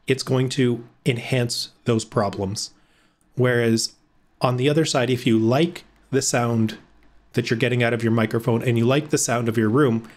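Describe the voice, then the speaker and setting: A man in his thirties giving a casual screen-recorded video editing tutorial from a home room. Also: medium pitch. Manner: explanatory, casual, with fillers. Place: home room with blackout curtains.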